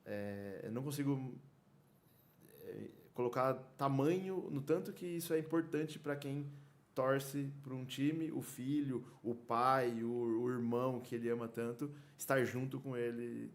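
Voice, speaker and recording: Brazilian guy on a podcast, kinda halting, keeps restarting his sentences. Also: mid-range voice. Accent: Brazilian Portuguese. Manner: halting, restarts often, chuckles. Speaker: podcast co-host. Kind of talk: casual chat.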